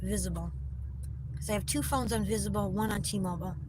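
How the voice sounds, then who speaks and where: Driving down the road, a woman vlogger talks a little fast in a medium-pitched voice, casually answering viewers' comments on a phone livestream. Her phone is mounted in the car, picking up loud road and car noise.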